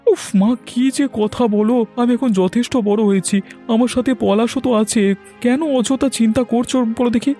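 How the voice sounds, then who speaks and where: Guy doing a headstrong cartoon son, high but mellow voice, music behind. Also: fast talker, close to an everyday voice. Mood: stubborn son. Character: stubborn young son and calm protective father.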